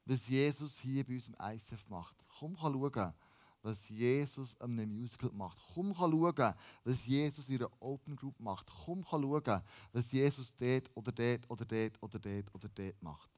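A pastor preaching a lively, casual sermon and dropping in English phrases. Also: male voice, mid-range voice, normal speed.

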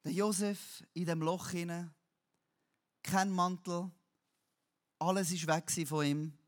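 Male preacher, high voice, slow delivery, dramatic swings from loud to hushed. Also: fairly even intonation. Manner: dramatic, swings between loud emphatic cries and low, quiet passages; uses crude everyday words. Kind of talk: sermon.

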